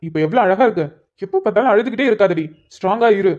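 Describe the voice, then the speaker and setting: A woman's voice: medium pitch, lively intonation, rapid-fire, a little mellow, highs cut off, close to an everyday voice. A woman doing a teasing young police-bound lover. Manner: affectionate teasing, coaxing. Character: young man, police aspirant, teasing but tender fiancé. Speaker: male lead in a cartoon love story. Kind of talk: cartoon voice acting.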